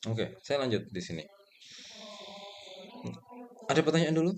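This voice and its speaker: A man's voice: medium pitch, a little slow, crowd noise. A man giving a casual programming lecture, talking loosely with fillers and self-corrections, and answering his own questions. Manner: relaxed and conversational, with frequent fillers and self-corrections; asks questions and answers them himself.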